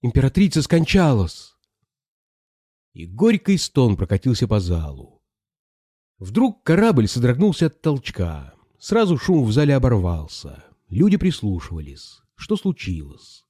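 A man narrating an audiobook in an expressive, dramatic manner. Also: medium pitch, unhurried, husky, no room sound, studio quality.

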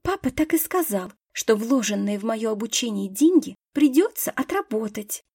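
A woman's voice: a little high, animated, normal speed, dark tone, breathy edge, dry recording, studio quality. A woman voicing a spoiled, snobbish young female student who talks in a scornful, whiny way.

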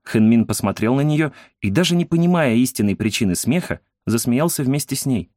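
A man reading an audiobook in calm, even scripted narration. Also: mid-range voice, fairly quick, dry recording, clean studio sound.

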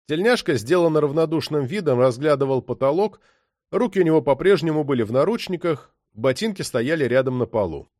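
Expressive male audiobook narrator. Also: fairly high pitch, no room sound, studio quality. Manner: expressive reading, voices the characters. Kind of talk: scripted narration.

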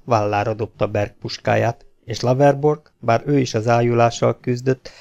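A man reading an adventure novel aloud as an audiobook narrator, with a steady, slightly dramatic delivery. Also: medium pitch, creaky, lo-fi sound. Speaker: audiobook reader.

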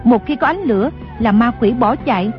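A woman voicing a calm young woman who gently reassures a frightened child. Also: fairly high pitch, normal speed, dull audio, music in the background, close to an everyday voice. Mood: soothing.

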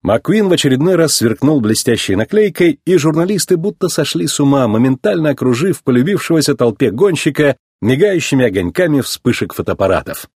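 Husky-voiced man reading a story. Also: medium pitch, brisk, no room sound, clean studio sound. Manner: expressive reading. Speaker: narrator.

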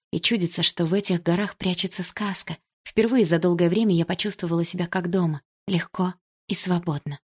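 A woman narrating a first-person novel with an expressive, emotional reading. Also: fairly low pitch, breathy edge. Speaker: audiobook reader.

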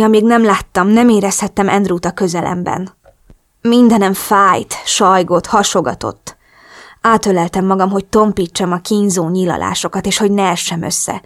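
A woman reading a first-person novel aloud at a middle pitch. Her audiobook narration is expressive and emotional.

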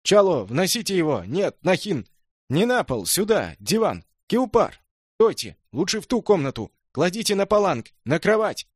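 Guy doing a jittery flustered brother, yelps orders high and fast. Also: animated, dry recording, studio quality, lightly acted. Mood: hysterical. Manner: hysterical shouting, then hushed whispers. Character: nervous, flustered middle-aged brother.

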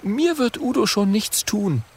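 Storybook kid: a small, cheeky young dragon with a high, bouncy, chirpy voice, as a man reads him. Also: very animated, unhurried, a little mellow, slightly rough, exaggerated voice. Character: small eager male dragon, a chatty kid.

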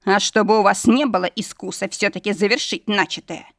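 A woman's voice: mid-range voice, a little fast, no echo, studio quality, natural voice. Woman voicing a brusque demon lord. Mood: commanding. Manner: gruff, commanding, smirking. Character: arrogant mocking male demon lord, brusque.

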